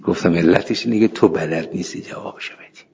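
A man's voice: sits low, vocal fry, darkish tone, slight background noise. A middle-aged man, a cleric, giving an informal religious lecture, telling anecdotes, reciting scripture and chuckling now and then. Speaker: cleric teaching seminary students. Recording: echoey hall, dull lo-fi sound.

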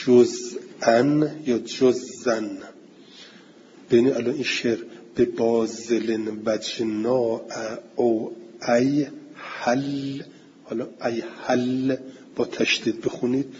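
Man teaching a grammar class, reads a text and explains it, slow recitation, dull lo-fi recording, faint hiss. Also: mid-range voice, darkish tone. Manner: explains slowly, reciting Arabic text then glossing it. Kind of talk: classroom lecture.

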